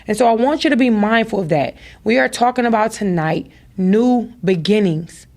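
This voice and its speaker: A woman's voice: medium pitch, expressive, moderate pace, a little mellow. A woman and mother hosting a podcast, giving a motivational talk straight to her listeners with emphatic repeated phrases. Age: adult with daughters. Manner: speaks to listeners directly, preacher-like. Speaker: podcast host.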